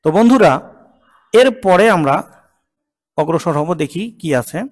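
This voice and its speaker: Man teaching sounds real slow, says each one over and over, kinda high voice. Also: animated, big-room sound. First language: Bengali. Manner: slow and patient, repeating each sound several times. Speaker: English phonetics teacher. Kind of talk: slow spoken pronunciation lesson.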